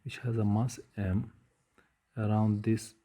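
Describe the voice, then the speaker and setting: Male lecturer, very dark mellow tone, slow and halting delivery with many hesitations. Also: on the low side, level tone, breathy edge. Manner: slow, measured, frequent hesitations with uh. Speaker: physics lecturer. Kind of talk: whiteboard lecture.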